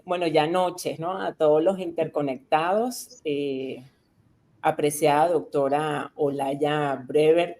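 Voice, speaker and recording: Woman wrapping up a webinar, deep-ish voice, very formal thank-yous. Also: darkish tone. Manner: formal and ceremonious. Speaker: society president. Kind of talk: formal closing remarks. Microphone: video call.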